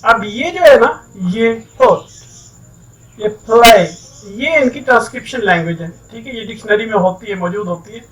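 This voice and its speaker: A man teaches English in a recorded online lecture, his voice sitting on the high side. He sounds set back from the microphone. He explains patiently and keeps mixing English phrases into his talk. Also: fast talker, few pauses, a bit bright, recorded from a distance, poor audio. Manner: explains step by step, keeps saying "ठीक है".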